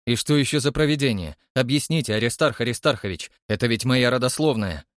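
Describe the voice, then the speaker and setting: A man voicing a calm, puzzled man who speaks in a low, measured way. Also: no room sound, clean studio sound, natural voice.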